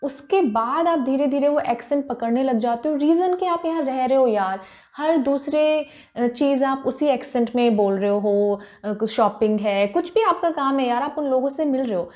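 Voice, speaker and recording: Chatty Indian woman vlogger, mellow voice. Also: high voice, normal speed. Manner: chatty Hindi-English mix, frequent fillers. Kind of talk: casual talk to camera.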